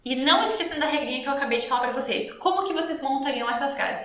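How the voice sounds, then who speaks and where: A Brazilian woman teaching English in a live online class, lively and encouraging, slowing down to model English phrases. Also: sits high, reverberant. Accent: Brazilian Portuguese.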